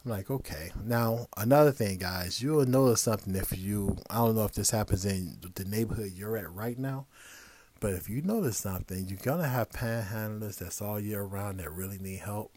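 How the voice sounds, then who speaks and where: A man's voice: on the low side, normal speed, darkish tone. A man hosting a podcast, telling a personal story in a casual, conversational way with chuckling asides. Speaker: podcast host.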